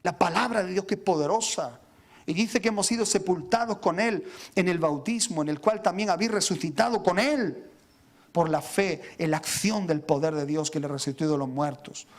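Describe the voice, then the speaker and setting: A pastor preaches in a high, ringing voice. He speaks with fervor, calling out to his brothers in the congregation, and stutters over repeated words when he pushes hardest. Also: moderate pace. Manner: impassioned, addresses listeners as brothers, repeats words when fired up. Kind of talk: sermon.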